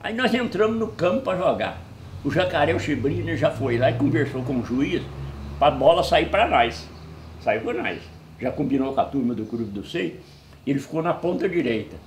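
A man's voice: a little high, moderate pace, reverberant, a little hiss or hum. A man telling a funny story, acting out the dialogue and laughing as he goes. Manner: animated, acts out dialogue, laughs often. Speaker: storyteller guest. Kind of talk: casual anecdote telling.

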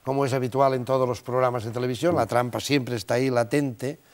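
A man's voice: mid-range voice, fairly even intonation, quick pace. A man hosting a TV studio interview, ironic and wry. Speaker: talk show host.

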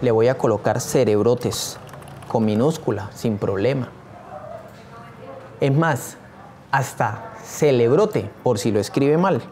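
A man's voice: mid-range voice, takes it slowly, pauses often, darkish tone, slight background noise. A man teaching a screen-share tutorial, talking eagerly and straight to his viewers. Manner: enthusiastic, addresses viewers directly.

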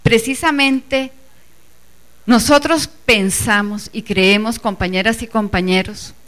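A woman's voice: on the high side, takes it slowly, fairly bright tone. A woman giving an earnest, emphatic speech as an organizing committee member before a teachers' assembly. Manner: earnest, emphatic, addresses the audience inclusively. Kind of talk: public speech at a meeting.

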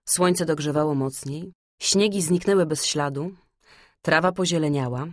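A woman narrating a fairy-tale audiobook in a calm, measured storytelling manner. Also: low-pitched, dry recording, studio quality.

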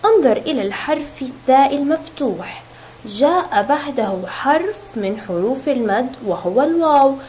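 A woman teaching a recorded reading lesson to young children, sounding out syllables slowly and clearly. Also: high-pitched, expressive, a little mellow, slight background noise, rough recording. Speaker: kindergarten teacher.

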